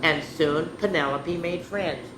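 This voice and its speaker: Reading picture books aloud at a children's story time, a woman speaks slowly in a voice that sits low, adding chatty, playful asides. The recording sounds roomy, with background noise.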